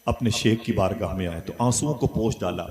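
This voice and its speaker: Male preacher, low voice, storytelling sermon, prompts the crowd; crowd audible behind. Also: a little fast. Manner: storytelling, calls for responses.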